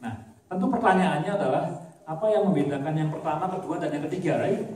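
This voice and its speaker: A man's voice: fairly high pitch, fast talker, a little mellow. A man preaching a sermon in a conversational way, mixing English words into his talk and growing emphatic as he explains. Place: church sanctuary. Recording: echoey church hall, voice from a distance, faint room noise.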